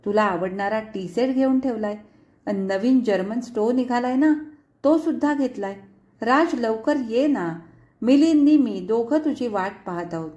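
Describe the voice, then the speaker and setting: A woman's voice: on the high side, animated, moderate pace, mellow, muffled recording. A woman storyteller reading a story aloud in a tender, pleading, letter-like manner. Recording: echoey room.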